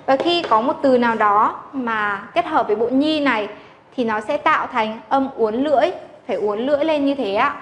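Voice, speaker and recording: A woman's voice: high-pitched, roomy sound, in a large hall, poor audio. A woman teaching a Chinese language class in Vietnamese. She drills syllables one at a time and repeats each one. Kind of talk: classroom pronunciation lesson.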